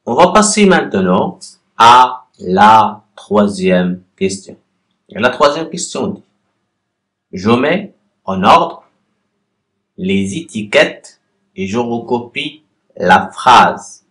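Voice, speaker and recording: A man teaching a class, guiding learners through written exercises with deliberate pauses and spelled-out syllables. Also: on the low side, fairly bright tone. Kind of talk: slow, patient classroom exercise walkthrough.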